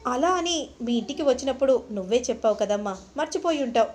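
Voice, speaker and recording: A woman reads out a stern middle-aged mother, firm and dismissive. The tone is fairly high, with a faint hiss under it. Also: animated, fast, a little mellow.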